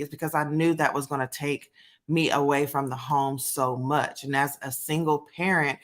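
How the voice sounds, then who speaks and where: A woman in her thirties talking casually as the host of a commentary channel, with many pauses and fillers. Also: deep voice, fairly bright tone.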